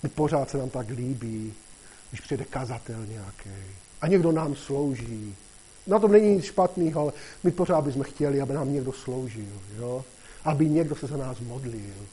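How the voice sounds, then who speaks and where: A man preaching a casual, conversational sermon, often checking in with his listeners and getting louder and higher when he reads scripture. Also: breathy edge, low-quality recording. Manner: conversational, constantly asks "jo?" and "že jo?"; rises in pitch and loudness when reading scripture.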